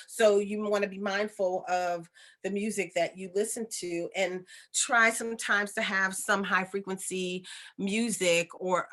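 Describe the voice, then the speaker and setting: Bright-voiced woman giving casual spiritual guidance. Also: fairly low pitch. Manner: earnest, conversational, often checking in with 'you know' and 'right'. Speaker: spiritual coach and host of oracle readings. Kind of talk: casual, rambling spiritual talk to viewers.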